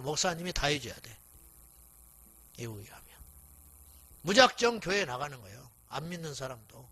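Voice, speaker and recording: A middle-aged male pastor preaches a revival sermon in a blunt, scolding way, throwing rhetorical questions at his listeners. His voice sits high and swings widely in pitch, with a husky edge. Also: fairly bright tone.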